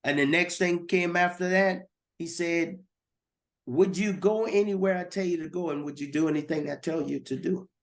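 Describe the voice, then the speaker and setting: A man's voice: sits high, moderate pace. Earnest man telling his testimony. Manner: earnest, repeats words when stirred. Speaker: guest. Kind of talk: personal testimony.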